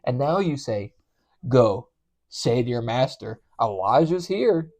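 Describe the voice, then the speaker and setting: A man voicing a frightened male servant who pleads, his voice jumping high with nervous agitation. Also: lively intonation, a little fast, dark tone, lightly acted. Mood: panicked.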